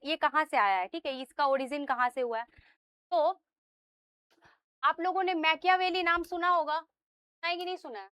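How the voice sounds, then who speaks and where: Bright, high-voiced woman teaching a class. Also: dry recording, clean studio sound. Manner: explains step by step, checks in often with "okay"; asks students questions and answers them herself. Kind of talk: classroom lecture.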